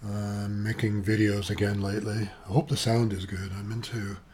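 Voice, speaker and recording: A Canadian man in his seventies with a soft, lowish voice sits at his home computer, rambling through a personal video monologue. His delivery is flat and moderately paced, chatty and eccentric, wandering off into asides and fillers. He records on a webcam paired with external sound gear.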